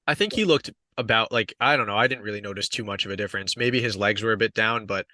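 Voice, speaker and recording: A man's voice: lowish voice, fast talker, bright, forceful tone, no echo, clean studio sound. A young man on a podcast, chatting casually and hedging often with filler words. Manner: rambling, hedging with "I mean" and "like". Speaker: podcast guest. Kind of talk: casual chat.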